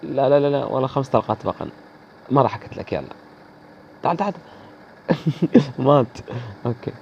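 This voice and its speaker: A man's voice: medium pitch, animated, a little fast, creaky, a little mellow, lo-fi sound, a little hiss or hum. A man with an Iraqi accent commenting live on his gameplay, teasing opponents and chatting to viewers. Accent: Iraqi Arabic. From Iraq. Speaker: gaming video host.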